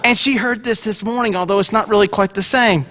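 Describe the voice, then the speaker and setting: A man's voice: high voice, a little fast, bright, forceful tone. A middle-aged man preaching a sermon, telling a self-mocking story. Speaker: pastor.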